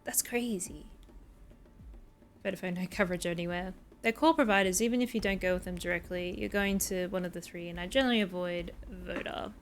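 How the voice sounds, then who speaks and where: A woman's voice: fairly low pitch, steady tone, a little fast, faint music behind. A woman streaming a game, chatting casually with viewers, rambling and swearing freely. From Australia.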